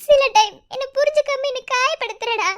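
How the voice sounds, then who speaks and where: A woman's voice: extremely high pitch, a little fast, a bit bright. A woman voicing a young, affectionate cartoon wife who soothes and coaxes her husband. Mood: soothing. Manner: soothing, coaxing tone. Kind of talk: cartoon voice acting.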